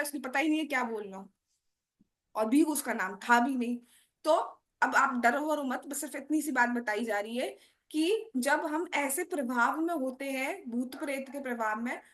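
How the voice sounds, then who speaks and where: High-voiced woman explaining scripture to a class. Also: fairly bright tone. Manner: conversational, asks the class questions and mimics others' excuses. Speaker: devotional class speaker.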